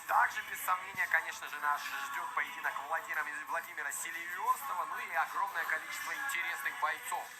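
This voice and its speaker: A man's voice: fairly high pitch, a little fast, few pauses, loud music behind the voice. A man giving live MMA commentary, describing the fighters and the action as it unfolds. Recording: very noisy live arena broadcast.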